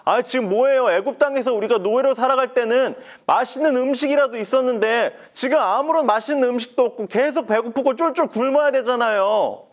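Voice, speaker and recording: A man's voice: very high-pitched, fairly quick, hardly any pauses, pitched above the performer's own voice. A man voicing a crowd of complaining, hungry Israelites in a children's Bible story. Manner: whiny, complaining.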